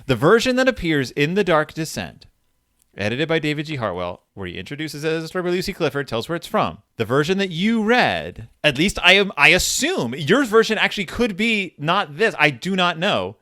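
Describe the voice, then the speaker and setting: On the high side and sing-song, this man's voice is a little fast, pushed and bright, recorded dry at studio quality. He hosts a podcast where he chats about books, rambling, interrupting himself and explaining with enthusiasm.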